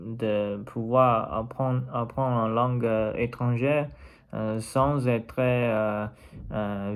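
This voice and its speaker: This is a man from China with a mid-range voice, vlogging without a script. Mandarin is his native language and he is still learning, so he speaks with a Chinese accent and stops here and there to find his words.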